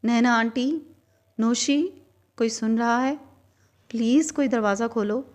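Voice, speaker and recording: A woman voicing a frightened young woman locked in a wardrobe, pleading and shouting for someone to open the door. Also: mid-range voice, close to an everyday voice. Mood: panicked. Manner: pleading then shouting in panic.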